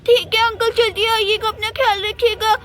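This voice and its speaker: A woman's voice: extremely high pitch, fairly even intonation, moderate pace, a bit bright, a little hiss or hum. A woman voicing a scared little girl who talks in a tearful, pleading way.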